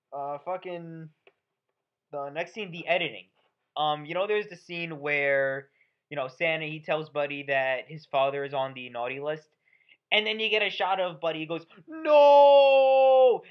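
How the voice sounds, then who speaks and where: A woman ranting through a sarcastic, profane, rambling movie review. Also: mid-range voice. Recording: dull lo-fi audio.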